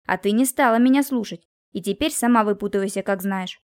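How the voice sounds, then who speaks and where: A woman's voice: mid-range voice, brisk, close to an everyday voice. A woman reading the part of an irritated male lawyer, cold, rude and dismissive. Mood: curt. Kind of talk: audiobook character reading.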